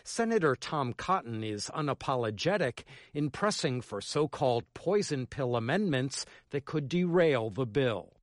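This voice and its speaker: A man's voice: medium pitch, lively intonation, unhurried, hardly any pauses, dry recording. American male news correspondent, dry studio sound. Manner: formal news reader delivery. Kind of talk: scripted radio news report.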